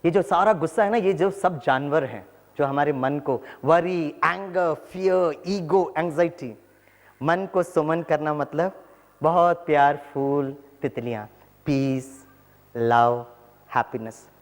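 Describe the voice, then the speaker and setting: Animated high-voiced man in an echoing hall. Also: slow pace. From Tamil Nadu, India. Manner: animated storytelling, mixing Hindi and English, acting out dialogue. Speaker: spiritual talk speaker, engineering professor. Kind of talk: motivational talk to an audience. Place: large hall before an audience. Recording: long hall reverb.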